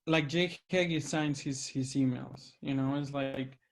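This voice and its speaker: A man with a Mexican accent hosts a reflective conversation in a steady, medium-pitched voice, never rushing. He comes across as earnest, pausing to search for his words.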